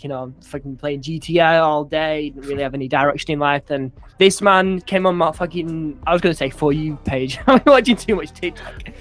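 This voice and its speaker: A young man hosting a podcast, chatting casually and swearing now and then. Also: on the high side. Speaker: podcast host.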